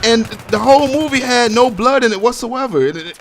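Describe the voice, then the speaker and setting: Over in-game gunfire and explosions, an American man from Baltimore delivers informal, slangy, opinionated game commentary that rambles along. His very high, animated, slightly bright voice moves at normal speed, recorded as a home voice-over with noticeable background noise.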